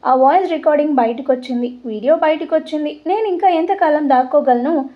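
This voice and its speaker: A woman voicing a scheming older male villain, speaking with calm, measured menace. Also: sits high, muffled recording, lightly acted. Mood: menacing.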